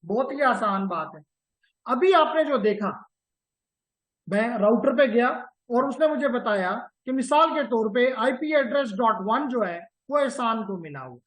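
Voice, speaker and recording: A male instructor leads a live class. He explains networking step by step and weaves English terms into his sentences. He repeats the key words and stops often to ask students whether it is clear. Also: very high-pitched, a bit bright, rough recording. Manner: mixes English technical terms into Urdu.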